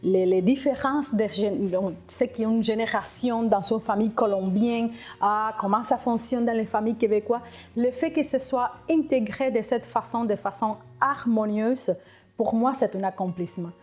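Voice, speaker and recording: A middle-aged woman from Cuba, speaking French, telling her immigration story in an interview, reflective and halting with frequent restarts. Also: on the high side, a little mellow. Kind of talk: personal testimony interview.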